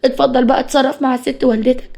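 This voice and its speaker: A fed-up young Egyptian wife who pleads and complains, voiced by a woman telling the story. The talk is quick and fairly high-pitched. It belongs to a spoken family tale. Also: steady tone, creaky, a little mellow. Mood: aggrieved.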